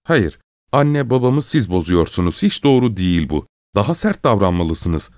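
A man voicing a bossy grown daughter with a high, hard, ringing voice. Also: big pitch swings, moderate pace, a little mellow, dry recording, studio quality. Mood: scolding.

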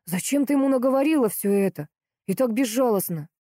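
Slow dazed tipsy brother, grumbly, mellow soft tone, as a woman reads him. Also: medium pitch, dry recording, studio quality, lightly acted. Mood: shocked.

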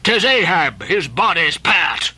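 A man's voice: very animated, slow, bright, forceful tone, husky, no echo, exaggerated voice. A man playing a fierce old sea captain, Ahab. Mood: brooding. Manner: booming orders, archaic grandiose speech. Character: obsessed old male sea captain, commanding. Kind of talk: dramatic audiobook reading.

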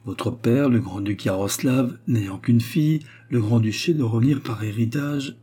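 A man voicing a humble, secretive old man who speaks gravely and with respect. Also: medium pitch, measured pace, dark tone.

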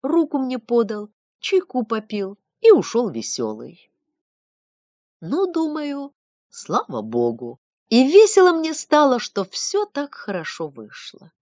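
A woman's voice: a little high, huge pitch swings, takes it slowly, a little mellow, dry recording, voice pushed up, exaggerated voice. A woman reading as a pious, moralizing townsman. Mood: self-righteous. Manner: sanctimonious, moralizing storyteller. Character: staid middle-aged male townsman telling a tale. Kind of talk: audiobook reading of a classic story. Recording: dull lo-fi dry recording.

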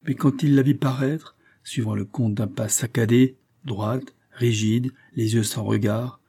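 A man narrating a novel as an audiobook, reading in a steady, theatrical way. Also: mid-range voice, a little slow, slightly rough. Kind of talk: scripted narration.

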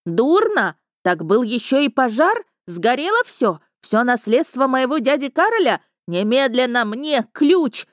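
A woman's voice: big pitch swings, a little slow, hardly any pauses, dry recording, studio quality. A woman narrator voicing a hysterical, theatrical older woman who shrieks and carries on in an audiobook. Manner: shrill, shrieking, melodramatic.

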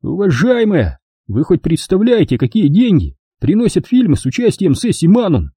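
A man's voice: high-pitched, very animated, moderate pace, dark tone, slightly rough, dry recording, clean studio sound, voice pushed up, heavily acted. A man voicing a hot-tempered, condescending male kidnapper who speaks with scorn.

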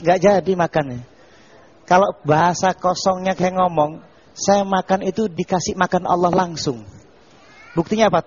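A man's voice: high voice, slightly rough, dull audio. A man giving an informal, humorous sermon, telling stories and posing rhetorical questions. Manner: colloquial storytelling with rhetorical questions. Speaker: Islamic preacher, guest ustadz.

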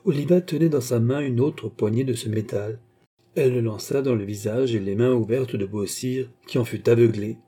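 A man giving a slow, measured audiobook narration of a classic novel. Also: mid-range voice, dark tone, slightly rough. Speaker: audiobook reader.

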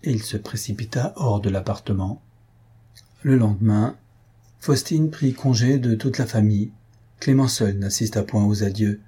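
Mellow, husky male audiobook narrator. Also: lowish voice, moderate pace. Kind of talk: scripted novel narration.

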